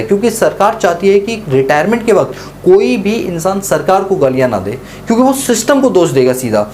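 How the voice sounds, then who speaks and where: A man's voice: sits high, darkish tone, a little hiss or hum. A male teacher giving a lecture, asking questions aloud and answering them himself while explaining through a first-person story.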